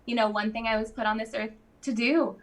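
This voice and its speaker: A woman guest in casual conversation, chatty and quick to laugh, with lots of fillers. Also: on the high side, fairly even intonation. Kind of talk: casual chat.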